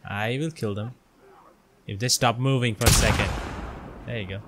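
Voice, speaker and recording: A man's voice: lowish voice, fairly even intonation, normal speed, very noisy. A man talking casually over his gameplay, reacting aloud and cursing at the game. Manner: chatty, reacts aloud, laughs and curses at the game. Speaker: gameplay streamer.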